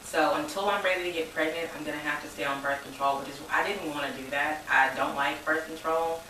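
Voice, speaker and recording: Girl in her late 20s rambling to camera, low bright voice, really echoey room, mic kinda far. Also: steady tone, a little fast, slight background noise. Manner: rambling, informal, says y'all. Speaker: vlogger. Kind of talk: casual personal vlog.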